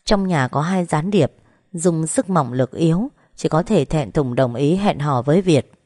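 A woman narrating a story in a calm, steady, scripted reading. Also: sits low, a little slow, no room sound, studio quality.

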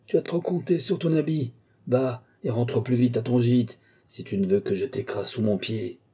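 A man's voice: medium pitch, normal speed, warm tone, husky. A man voicing a vengeful medieval count who speaks with anger and contempt. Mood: contemptuous. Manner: wrathful, commanding.

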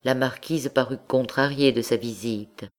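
Une femme lisant à voix haute un récit historique en livre audio, d'un ton calme et posé. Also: female voice, rumbling low, measured pace. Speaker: audiobook reader. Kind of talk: literary audiobook narration.

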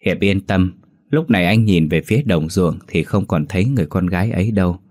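A man's voice: sits low, expressive, brisk, a little mellow. A man narrating a ghost story dramatically and acting out each character.

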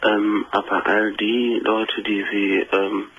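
A man in his twenties calling in to a radio show, speaking quietly and hesitantly. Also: lowish voice, flat delivery, takes it slowly, slightly rough, no room sound. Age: 20s. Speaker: caller. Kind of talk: phone-in call. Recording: muffled line with hiss.

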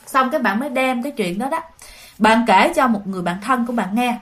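A woman's voice: on the high side, fast, a bit bright. A woman telling a ghost story in a chatty way, speaking directly to her listeners. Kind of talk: casual storytelling.

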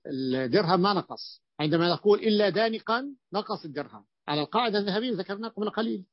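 Fast-talking sheikh teaching grammar. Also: male voice, high-pitched, expressive, dry recording. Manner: explanatory, asks students questions, many restarts. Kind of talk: classroom grammar lesson. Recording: dull lo-fi dry recording.

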